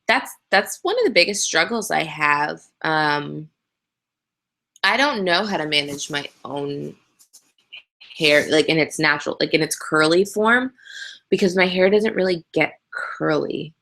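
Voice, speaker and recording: A young woman from Canada, chatty and candid, hosts a casual live Q&A through a webcam hangout, laughing easily with many ums as she responds to viewers. Her lowish, gravelly voice sounds pushed and bright, delivered at a measured pace.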